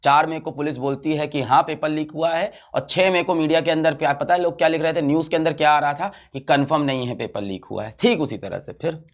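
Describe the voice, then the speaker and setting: A man's voice: fairly high pitch, quick pace, hardly any pauses. A man interviewing an exam candidate, asking questions, prompting her and summing up her account. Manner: recaps and prompts with frequent hums.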